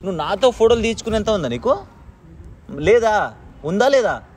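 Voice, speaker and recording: A man's voice: high-pitched, sing-song, brisk, a little mellow, slight background noise. A man playfully scolding and teasing a small child, firing the same questions at her again and again in a mock-stern way, then coaxing her to stop crying. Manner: coaxing, repeating soothing phrases. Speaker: vlogger playing with a small child. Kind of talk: casual teasing talk with a child.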